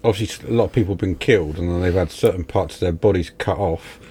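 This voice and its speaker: Bloke, lowish voice, chatting films quickly, bit of noise behind him. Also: male voice, warm tone. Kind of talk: casual film chat.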